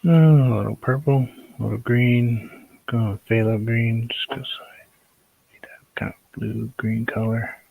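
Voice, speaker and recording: A man's voice: medium pitch, fairly even intonation, unhurried, gravelly, no room sound, phone-quality sound. A man talking casually while he paints on a live stream, thinking aloud and sometimes muttering under his breath.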